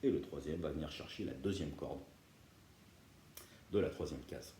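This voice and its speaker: A man's voice: very deep voice, moderate pace, a little hiss or hum. A man teaching beginners guitar step by step, patient and often checking that viewers follow. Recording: roomy room with loud guitar playing.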